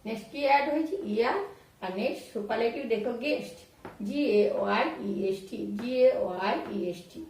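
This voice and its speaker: A woman's voice: a little high, animated, a little fast, gravelly, a little mellow. Woman, Bengali-speaking English teacher, spells words and repeats examples, very echoey room, distant mic. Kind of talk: explaining grammar rules to students.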